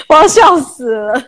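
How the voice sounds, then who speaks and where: A married woman, chatting casually, teasing and laughing easily. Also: extremely high pitch. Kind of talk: casual chat.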